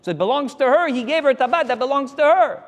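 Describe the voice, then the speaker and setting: Animated male rabbi in a reverberant hall. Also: extremely high pitch, fast. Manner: animated storytelling, addressing the crowd directly. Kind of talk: Torah lecture to a congregation.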